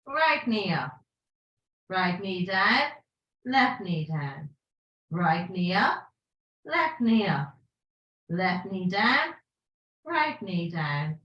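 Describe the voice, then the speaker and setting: Slow-paced woman teaching yoga, fading voice. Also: mid-range voice, expressive, fairly bright tone, highs cut off. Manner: encouraging, playful cueing with breath counts. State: losing her voice. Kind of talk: live yoga class instruction. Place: yoga class room. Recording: echoey room.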